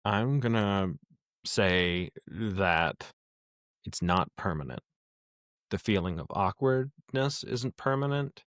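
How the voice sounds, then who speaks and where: Earnest, halting man host. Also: fairly low pitch, lively intonation, fairly bright tone, no echo, studio quality. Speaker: podcast host. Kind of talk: casual chat.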